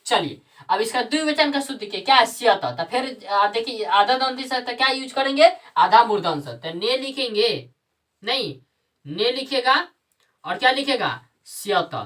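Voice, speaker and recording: A woman's voice: a little high, animated, moderate pace, fairly bright tone, far from the mic. A woman teaching Sanskrit grammar, who asks the class questions, answers them herself and repeats the key terms. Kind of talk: classroom lesson with call-and-response questions.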